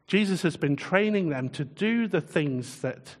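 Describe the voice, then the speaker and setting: A man preaching a sermon in a relaxed, conversational way, chuckling often and putting questions to his listeners. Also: fairly high pitch, unhurried, big-room sound.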